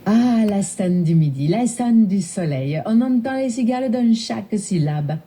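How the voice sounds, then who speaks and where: A woman's voice: mid-range voice, lively intonation, measured pace, warm tone, husky. A synthetic woman's voice playing a chirpy female voice assistant with a put-on Southern French accent and playful regional slang. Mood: cheerful.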